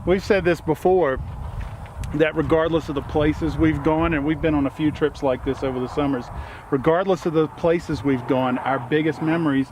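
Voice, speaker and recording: A man's voice: fairly high pitch, fairly even intonation, moderate pace, noisy background. Friendly man hosting a travel vlog. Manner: friendly, a little nervous on camera. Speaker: family travel vlogger. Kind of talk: casual vlog chat.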